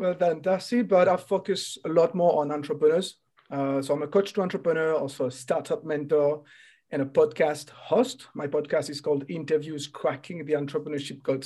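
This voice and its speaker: A man with a French accent, speaking English as a second language, answering interview questions as a coach for entrepreneurs, pausing and searching for words. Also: on the high side, a little mellow. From France.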